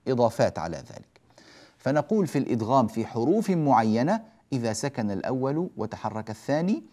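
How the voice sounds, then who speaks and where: A man teaching the rules of Quran recitation in a mellow, warm voice. He explains each rule patiently and draws out short verse examples in a slow chant. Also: medium pitch. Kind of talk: tajweed lesson.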